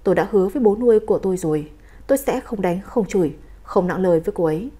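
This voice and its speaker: A woman voicing a cold, commanding male crime boss in a storybook reading, speaking in a calm, clipped, firm way. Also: medium pitch, fast, slightly rough.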